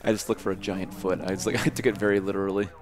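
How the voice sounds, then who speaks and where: A man's voice: sits low, level tone, very fast, noisy background. A man co-hosting a let's-play, making playful jokes as his friend plays. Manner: joking, playful quips. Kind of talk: casual game commentary.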